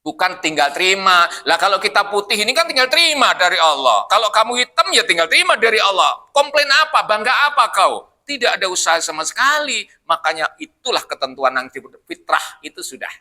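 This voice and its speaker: A man's voice: high voice, sing-song, brisk, few pauses, pushed and bright. A man preaching at a mosque study session, joking and asking his congregation questions in a loose, conversational way. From Indonesia. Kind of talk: Quran study sermon.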